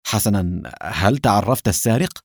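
A man reading an audiobook, voicing a calm, clever young male police officer in his own voice. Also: on the low side, fast talker, no room sound, clean studio sound. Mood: feigned calm. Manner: calm and composed.

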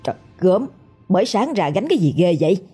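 An older village mother stammers out fearful questions, voiced by a woman storyteller. Her voice is low and husky, with a dark, breathy grain. It is a spoken horror story with faint music behind. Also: sing-song, a little fast. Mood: alarmed.

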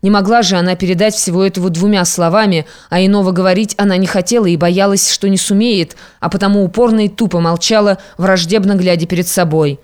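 A reader giving a steady, measured narration of classic literary prose. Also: medium pitch, clear, resonant tone. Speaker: audiobook narrator.

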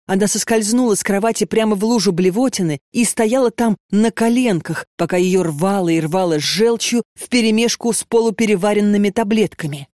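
A woman reading a dark story as audiobook narrator, in a steady, measured voice. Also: medium pitch, no echo, studio quality. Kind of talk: scripted narration.

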